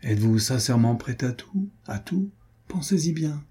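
A man's voice: fairly high pitch, lively intonation, mellow, breathy edge, pitched above the performer's own voice. A man playing a cunning scheming baron. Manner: cool, measured, calculating.

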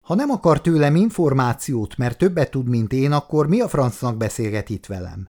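A man's voice: mid-range voice, animated, darkish tone, pitched above the performer's own voice. A man reading the part of a young army lieutenant held prisoner, frightened but defiant, with a tense raised voice. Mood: defiant scared.

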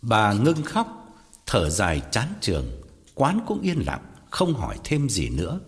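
A man narrating a story in a measured, storytelling manner. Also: fairly low pitch, huge pitch swings. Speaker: audiobook narrator. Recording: long reverb with faint music.

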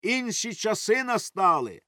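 A fiery male preacher, as a man reads him aloud, declaiming in a raised, high and lively voice that swings widely in pitch. The voice is dry, with no room sound around it. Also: a little slow, no room sound, full character voice. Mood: impassioned. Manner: impassioned, declaiming.

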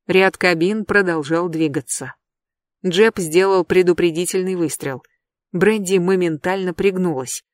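An audiobook narrator reading a tense thriller in a steady, even way. The voice sits at a middle pitch, and the recording is dry and close with no room sound. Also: unhurried, dry recording.

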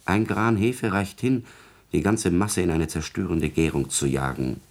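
A deep, unhurried male voice performs a scheming, servile court secretary in a classical radio drama. The character's manner is formal and obsequious, insinuating and calculating.

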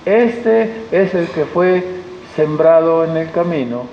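A man's voice: fairly high pitch, takes it slowly, a little hiss or hum. A man preaching a sermon as pastor with a Mexican Spanish accent, talking conversationally and acting out the voices of people he quotes. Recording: echoey hall, dull lo-fi sound.

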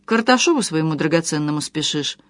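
A woman's voice: low voice, animated, no room sound, pitched below the performer's own voice. Pushy young fiancé, read by a woman. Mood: insistent. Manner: insistent, hurried.

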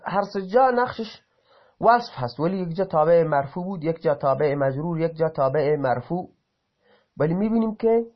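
With a voice on the high side, a man teaches Arabic grammar by reading example sentences and then explaining them, sometimes breaking off to correct himself. It's a dull lo-fi recording.

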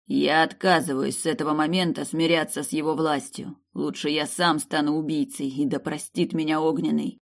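An audiobook reader voicing a stern, wounded male dragon lord who speaks heavily and gravely. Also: a little high, level tone, normal speed, few pauses. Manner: grave, heavy-voiced.

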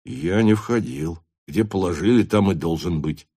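A man's voice: deep voice, moderate pace, warm tone, slightly rough. A man doing a grumbling old-fashioned servant. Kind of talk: audiobook character voice.

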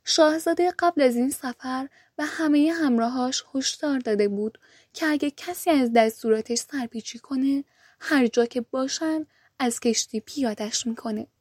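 Woman reading a storybook audiobook, high mellow voice, calm and easy. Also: breathy edge, dry recording, studio quality. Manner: calm, even storytelling in colloquial speech. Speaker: audiobook narrator.

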